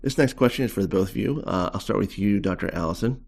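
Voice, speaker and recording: Brief: male host, low gravelly voice, courteous interviewer. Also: quick pace, a little mellow. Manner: polite, formal questioning. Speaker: podcast host. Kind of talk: interview questions.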